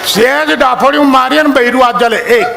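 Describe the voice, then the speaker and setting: High-pitched guy doing stand-up on a stage mic, sings old film songs slow and silly, faint hum of the room behind. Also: gravelly, a crowd in the background. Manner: sings film songs slowly in mock voices. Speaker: stand-up comedian. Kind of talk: Gujarati stand-up storytelling. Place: live stage show.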